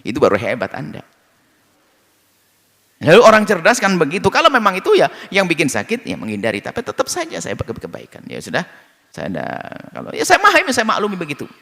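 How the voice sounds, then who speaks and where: A man preaching a sermon, animated, swinging between loud outbursts and soft murmurs. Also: on the high side, quick pace, gravelly. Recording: long hall reverb.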